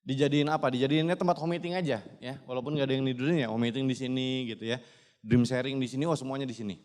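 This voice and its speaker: A man's voice: mid-range voice, steady tone, fast talker, darkish tone. A man in his twenties gives a motivational testimonial speech at a business seminar, emphatically addressing the audience again and again. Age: 20s. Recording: long hall reverb.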